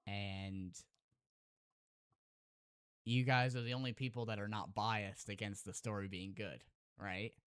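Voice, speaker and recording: A man's voice: fairly low pitch, steady tone, clear, resonant tone, no echo, studio quality. A man, a Minecraft YouTuber, earnestly telling an emotional story and then chatting casually with his viewers. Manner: earnest, heartfelt, slows down and softens at emotional moments; addresses the audience directly as "chat", with fillers and restarts.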